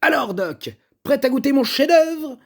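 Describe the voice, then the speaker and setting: A man's voice: fairly high pitch, very animated, slow, breathy edge, full character voice. A man voicing a bubbly, mocking, flamboyant eccentric vegan woman in a storybook reading. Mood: teasing. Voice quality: bubbly, sparkling voice. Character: fizzy eccentric vegan woman, teasing and theatrical.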